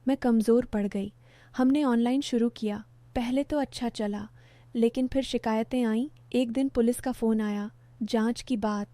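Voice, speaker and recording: A woman telling a first-person story as scripted narration, in a steady, even storytelling delivery. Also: a little high, normal speed, no echo.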